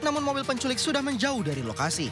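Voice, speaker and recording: A male news reporter voices a crime package at a quick clip, with a notably high voice. A clear music bed plays underneath the narration. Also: big pitch swings. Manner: brisk, formal narration. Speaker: field reporter. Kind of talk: scripted news voice-over.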